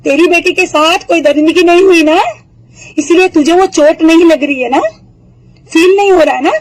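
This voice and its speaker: Furious hoarse woman ranting. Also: extremely high pitch, rough recording. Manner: furious, taunting, rapid-fire rhetorical questions. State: hoarse, sore throat. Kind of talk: angry political video rant.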